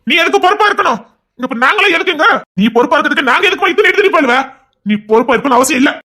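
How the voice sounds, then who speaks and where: In a Tamil romance audio drama, a performer plays a devoted young husband who swears loyalty to his crying wife and loudly scolds others. The mid-range voice is natural and brisk, with a pleading and scolding mood.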